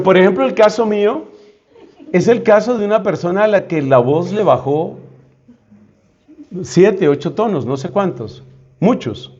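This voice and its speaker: A man's voice: sits high, darkish tone. A man, a priest, giving a conversational, humorous retreat teaching. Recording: dull lo-fi sound.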